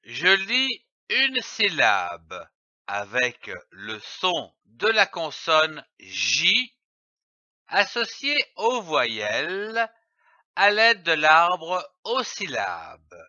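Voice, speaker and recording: A man teaching a reading lesson, spelling out syllables slowly and clearly with emphatic delivery. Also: a little high, huge pitch swings, sharp tone, dry recording, lo-fi sound. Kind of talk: slow, deliberate reading lesson.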